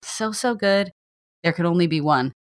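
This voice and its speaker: Chatty low-voiced woman reviewing films. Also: expressive, moderate pace, no echo, studio quality. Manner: enthusiastic, chatty, frequent "like" and "you know". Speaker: film podcast host. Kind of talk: casual movie review monologue.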